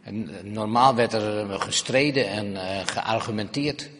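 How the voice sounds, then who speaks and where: Male live interpreter, lowish voice, hesitant restarts, long church-hall reverb. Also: unhurried, a bit bright, slight background noise.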